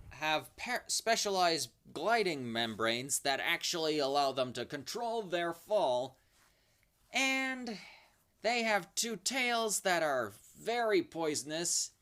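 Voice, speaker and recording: A speaker presenting a countdown in a horror-host manner, with theatrically spooky asides and dramatic pauses. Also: mid-range voice, fairly bright tone. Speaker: host of a top-ten creature countdown video. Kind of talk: spoken countdown commentary, semi-improvised.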